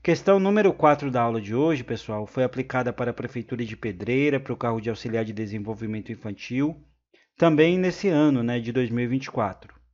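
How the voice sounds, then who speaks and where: A man's voice: medium pitch, brisk, darkish tone. Brazilian male tutor, exam-prep lesson, repeats points, keeps asking "right?", muffled lo-fi audio. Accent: Brazilian Portuguese. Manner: repeats points, frequent "né?" checks with viewers. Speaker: teacher. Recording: slightly dull lo-fi sound.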